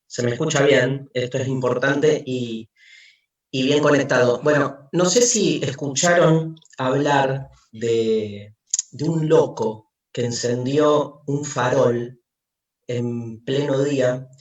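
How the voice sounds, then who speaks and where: A man speaking on a video call from away from home, giving a slow, theatrical reading full of sweeping rhetorical questions. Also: mid-range voice, fairly even intonation, dull audio. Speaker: philosophy lecturer. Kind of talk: dramatic reading in an online talk. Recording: echoey, distant video call audio.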